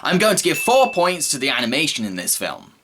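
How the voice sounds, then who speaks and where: A man's voice: on the high side, wildly swooping pitch, a little fast. A man narrating a scripted film review. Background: faint background music.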